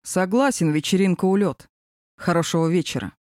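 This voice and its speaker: A woman voicing a smug, teasing male boss in an audiobook, mocking and self-assured, in a dark, mellow voice. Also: lowish voice, fairly quick, dry recording, studio quality, natural voice. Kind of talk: audiobook character reading.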